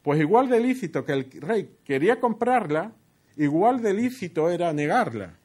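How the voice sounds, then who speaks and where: A man with a high, very animated, darkish voice preaches at normal speed, laying out the meaning of a Bible passage. Rhetorical questions and frequent "¿no?" tags mark his expository style, and he speaks through a headset earpiece.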